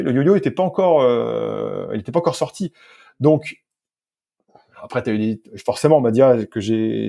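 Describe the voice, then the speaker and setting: A mellow, gravelly voice of medium pitch belongs to a French sports scientist and physical coach chatting on a podcast. He recounts his work in loose, everyday language, circling back on words and fixing what he's just said.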